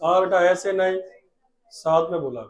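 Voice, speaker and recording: A male teacher in a classroom, dictating English lines slowly and urging the students to repeat them. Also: high voice, low-quality recording. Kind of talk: classroom English lesson with Hindi explanation. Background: class of children.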